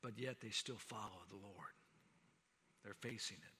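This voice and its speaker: A male preacher delivering a sermon, swinging dramatically between loud emphasis and hushed lines. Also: lowish voice, a little slow, breathy edge, long reverb tail.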